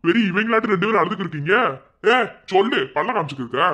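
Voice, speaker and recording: Brief: a man playing a quick-talking, high-voiced Madurai villager who teases his friends. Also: animated, a bit bright. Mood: teasing. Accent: Madurai Tamil. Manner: blunt, teasing, slangy.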